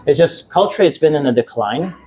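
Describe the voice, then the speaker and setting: A man's voice: on the high side, lively intonation, fast, a little mellow. A young man born in Latvia, a podcast guest talking casually and earnestly, with many restarts and fillers. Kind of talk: casual interview chat.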